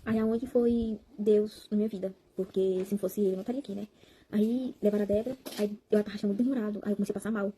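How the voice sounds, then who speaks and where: Fast-talking young Brazilian woman, dark voice. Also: mid-range voice, fairly even intonation, slight background noise. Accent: Brazilian Portuguese. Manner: rambling, repeats words, addresses viewers as "gente". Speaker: vlogger sharing a personal testimony. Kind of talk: emotional casual testimony to viewers.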